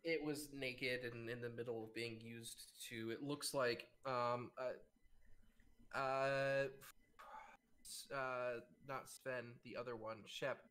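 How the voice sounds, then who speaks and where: A man running a casual tabletop game as game master, speaking haltingly as he searches for words. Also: medium pitch, steady tone, fairly bright tone.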